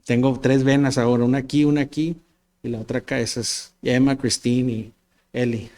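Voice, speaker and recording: A man's voice: mid-range voice, level tone, fairly quick, a little mellow. A man in his forties, a pastor, preaching a sermon in a conversational, self-deprecating storytelling manner, often stumbling and repeating words. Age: 40s.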